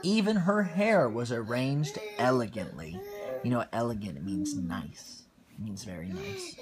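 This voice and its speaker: Over a phone livestream, a medium-pitched man reads his child a bedtime story aloud, lively in expression and adding hushed asides along the way.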